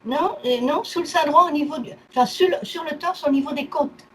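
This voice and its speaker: Her voice sits high and a bit bright, and she talks briskly; the audio is poor, with faint noise behind her. She's a client in a relaxed consultation, ticking off health problems item by item in brief phrases.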